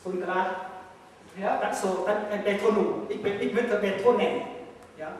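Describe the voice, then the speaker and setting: Vietnamese-accented male teacher, high voice, broken German, playful; distant mic, very echoey hall. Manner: halting broken German, playful, laughs often. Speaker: meditation master. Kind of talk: spiritual lecture. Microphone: distant room mic. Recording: echoey hall from far off, faint hiss.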